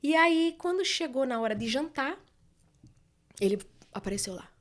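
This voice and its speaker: Animated Brazilian woman telling a story. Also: high-pitched, normal speed. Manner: animated, acts out quoted voices, drops to whispers. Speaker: podcast guest. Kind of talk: storytelling in a casual interview.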